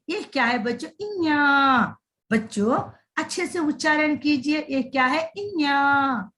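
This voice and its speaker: Slow sing-song woman teaching children. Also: high voice, fairly bright tone. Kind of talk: children's lesson voice-over.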